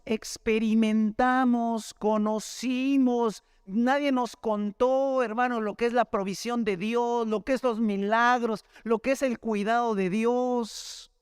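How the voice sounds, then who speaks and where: Very high, clear, and resonant, the voice belongs to a pastor with a Mexican accent giving a sermon through personal testimony. He speaks like he's telling a story in conversation and often addresses people as brother, and the studio-quality recording has no room sound.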